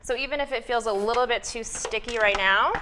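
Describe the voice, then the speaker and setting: A young adult woman with a bright, somewhat high voice walks viewers through a recipe in a friendly, explanatory way, padding her sentences with fillers. Faint noise sits under the recording. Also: a little fast. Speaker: guest nutrition specialist. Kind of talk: cooking demonstration.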